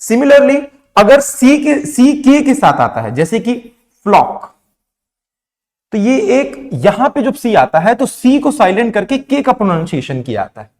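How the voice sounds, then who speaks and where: A young man from India gives a classroom lesson on pronunciation. His voice sits high and moves a lot as he quizzes his listeners and answers for them. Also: big pitch swings, measured pace, darkish tone. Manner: asks questions then answers them himself, mixing Hindi and English. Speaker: teacher.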